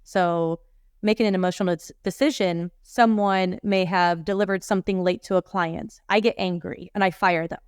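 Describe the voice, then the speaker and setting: Woman coach on a podcast, smooth clear voice, dry close sound, talks openly about her career. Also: fairly low pitch, steady tone, moderate pace, dry recording. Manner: candid, reflective storytelling. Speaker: leadership coach and guest. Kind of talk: podcast interview.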